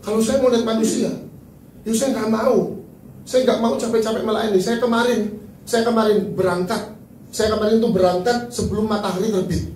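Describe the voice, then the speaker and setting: High-voiced pastor preaching in an echoey hall. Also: male voice, brisk, slight background noise. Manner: animated, joking, swings from loud laughter to soft tearful tones. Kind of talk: sermon. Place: large church hall. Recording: echoey church hall from far off.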